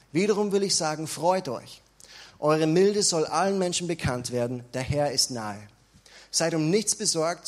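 A male pastor delivers a sermon in a slightly high-pitched voice. He moves between calm teaching and fervent, rising proclamation. He draws the congregation in with direct call-and-response prompts. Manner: passionate preaching, swings from quiet to loud proclamation.

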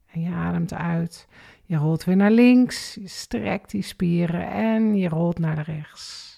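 A woman calmly guiding a relaxation and breathing exercise step by step, counting the breaths. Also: on the low side, gravelly. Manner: slow, calm step-by-step guidance with counted breaths. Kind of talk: guided exercise instruction.

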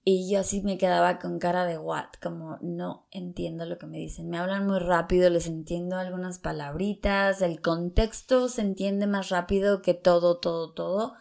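A woman's voice: fairly low pitch, steady tone, moderate pace, vocal fry, hardly any pauses, darkish tone. A young woman from Latin America gives earnest, encouraging advice in a casual vlog, telling stories from her own experience. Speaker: vlogger giving tips for learning English.

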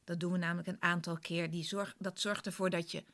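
A woman's voice: lowish voice, little pitch movement, fairly quick, a bit bright. A woman instructor casually explaining a relaxation exercise, speaking directly to the listener. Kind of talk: casual spoken introduction to an exercise.

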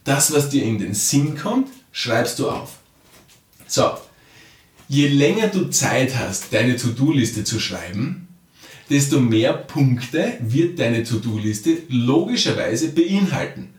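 A man coaching the listener directly and often checking in with a quick "ja?". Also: medium pitch, sing-song. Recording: roomy sound, mic at a distance.

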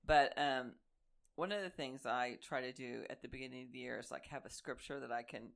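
Woman co-host with an Oklahoma accent, low and gravelly, who acts out quotes in animated stories. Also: a little fast. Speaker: podcast co-host. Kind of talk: casual faith chat.

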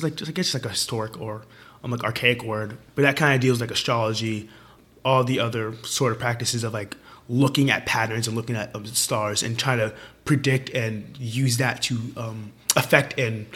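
This young man hosts a relaxed chat show, talking in an upbeat, rambling way full of fillers. His voice is worn and strained because he is losing it, and it sits at an ordinary male pitch. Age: young adult. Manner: upbeat, chatty, many fillers. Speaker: podcast host. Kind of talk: casual chat.

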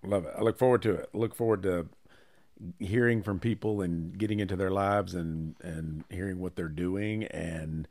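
A man's voice: sits low, fairly even intonation, normal speed, darkish tone. A man from Charlotte co-hosting a casual talk show, easygoing and conversational, with occasional chuckles. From Charlotte, North Carolina. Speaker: podcast co-host. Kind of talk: casual chat.

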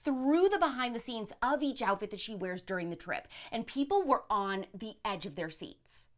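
A woman hosting a commentary show, delivering pop-culture and political opinions in a brisk, gossipy way. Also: on the high side, lively intonation.

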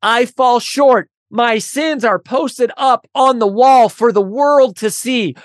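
A woman's voice: a little high, slow, no room sound. A woman speaks close to the mic in a dry, dead room. She is hosting a faith podcast and preaches with earnest conviction. She drives her points home through repeated, intensifying phrases. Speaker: podcast host. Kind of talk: religious teaching monologue.

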